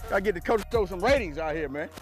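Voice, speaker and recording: A football coach at outdoor practice, wearing a body mic, joking with players and shouting energetic drill commands. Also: male voice, sits high, racing, soft background music. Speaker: defensive line coach. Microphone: wireless body mic.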